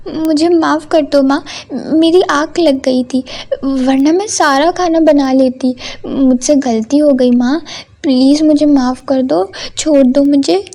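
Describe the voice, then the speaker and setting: A meek, mistreated stepdaughter in a cartoon story speaks apologetically, voiced by a woman. Her high voice stays gentle and unhurried. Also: fairly even intonation. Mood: anxious. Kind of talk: cartoon voice acting.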